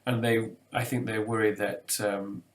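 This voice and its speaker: Recorded indoors in a bookshelf-lined room with a roomy sound, this English webinar co-presenter talks through ideas thoughtfully but haltingly, with many fillers and false starts. The discussion is casual and academic, and his fairly low, level voice moves a little slowly.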